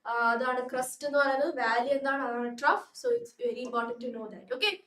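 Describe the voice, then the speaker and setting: A woman's voice: high voice, animated, normal speed, a bit bright, reverberant, distant mic. A young woman tutor with a Malayali English accent, teaching a live online class and often checking that students follow. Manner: coaxing, checks understanding often.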